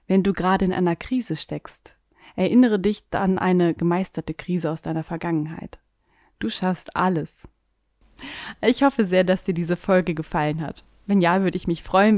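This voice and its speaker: A woman hosting a podcast in a calming, sleep-story style of guided relaxation, addressing the listener intimately in short, measured instructions. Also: lowish voice, no room sound, clean studio sound. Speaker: podcast host.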